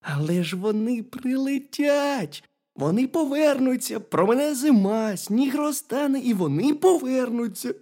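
A reader doing a high, chirpy little hedgehog. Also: expressive, unhurried, mellow, exaggerated voice. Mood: soothing. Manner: coaxing, upbeat, exclaiming. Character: lively, kind hedgehog who comforts his friend. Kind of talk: storybook reading.

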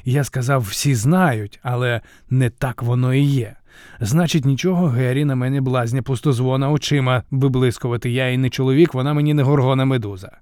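A man's voice: medium pitch, a little fast, darkish tone, smooth, no room sound, clean studio sound, lightly acted. A man voicing a mocking male jester god laying out a scheme in flowery, sneering speech. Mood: mocking, scheming.

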